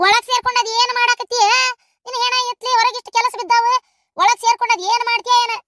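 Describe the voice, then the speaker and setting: A woman voicing a bossy, sharp-tongued old mother-in-law with a North Karnataka accent who scolds and nags. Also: very high voice, fast talker. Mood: scolding. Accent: North Karnataka Kannada. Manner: scolding, nagging, sarcastic.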